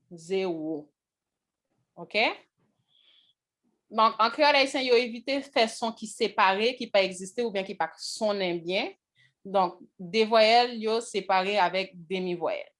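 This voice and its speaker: A woman teaching a language class on pronunciation, pausing often to check whether the students follow. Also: medium pitch.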